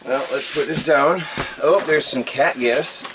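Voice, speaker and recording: A man's voice: a little high, unhurried, background noise. Chatty man in a cabin. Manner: chatty, laughs often. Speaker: vlogger. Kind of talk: casual chat. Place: small wooden cabin living room. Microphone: camera across the room.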